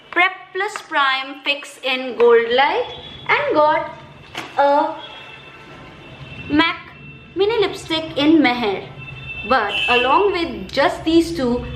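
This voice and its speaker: A woman's voice: high voice, a bit bright. A woman with an Indian accent giving a chirpy, chatty haul video as a beauty vlogger, repeating words for emphasis. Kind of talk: casual shopping haul video. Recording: echoey room, faint background noise.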